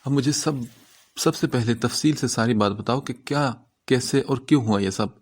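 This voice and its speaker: A man's voice: medium pitch, close to an everyday voice. A man reading the part of a bitter, protective middle-aged aunt in a novel, in a scolding manner. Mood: soothing.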